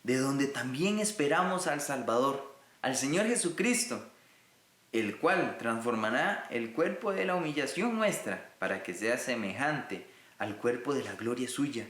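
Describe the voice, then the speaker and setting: A man's voice: mid-range voice, expressive, unhurried, a bit bright, reverberant. A man from Rica, teaching a recorded Bible lesson in an earnest way and speaking directly to his listeners. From Costa Rica.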